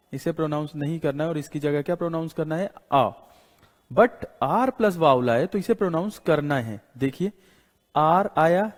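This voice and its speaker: A male teacher giving a classroom lecture. He explains slowly, repeats his points and keeps asking "got it?", mixing English words into Hindi. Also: on the high side, a little mellow. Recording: long hall reverb.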